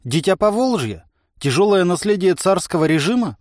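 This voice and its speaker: A militia commander questions his captive with dry, cutting irony, voiced by a man reading aloud. His voice sits somewhat high and the recording is close and dry. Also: very animated, normal speed, no echo. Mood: dry ironic. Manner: dry, ironic, interrogating. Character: dry sarcastic militia chief, a grown man. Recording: dry close studio sound.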